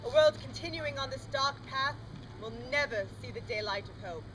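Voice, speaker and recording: A woman's voice: animated, normal speed. A woman playing a stern, proud fantasy queen in formal, archaic Renaissance faire speech. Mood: solemn. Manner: formal archaic royal declamation. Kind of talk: Renaissance faire stage drama, olde speech. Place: outdoor faire. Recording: noisy outdoor live recording, engine-like ambient rumble.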